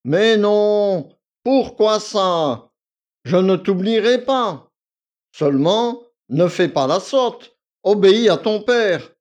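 A man's voice: high voice, expressive, slow, a little mellow, pitched above the performer's own voice. A man voicing an arrogant, lazy young male valet who talks in a nasal, drawling, condescending way. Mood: bored, condescending.

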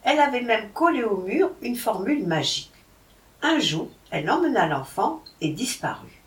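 A woman's voice: a little high, very animated, moderate pace. A woman reading aloud, voicing a grave man recounting an old tale. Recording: roomy, from a distance.

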